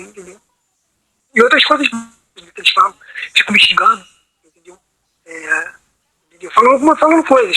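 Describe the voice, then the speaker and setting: A man's voice: very high-pitched, pushed and bright, slightly rough, rough recording. Rambling man on a video call. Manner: rambling, repeats "entendeu?" constantly. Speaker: meeting participant. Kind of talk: personal account on a video call.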